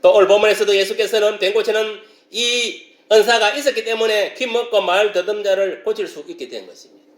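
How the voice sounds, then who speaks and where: A man preaching a sermon as pastor, explaining a passage and now and then breaking into loud shouted exclamations. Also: sits high, brisk, roomy sound.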